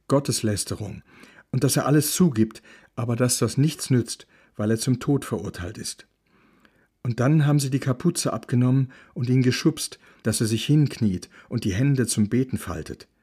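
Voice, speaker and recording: A man reading a children's novel aloud in a calm, gentle storytelling manner. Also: mid-range voice, moderate pace, slightly rough. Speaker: audiobook narrator.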